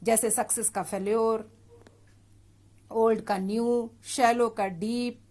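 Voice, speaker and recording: Slow, patient Indian woman teacher. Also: on the high side, steady tone, darkish tone. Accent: Indian English. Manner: slow, patient explaining, switching between Hindi and English. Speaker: school English teacher. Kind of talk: classroom lesson explaining a poem.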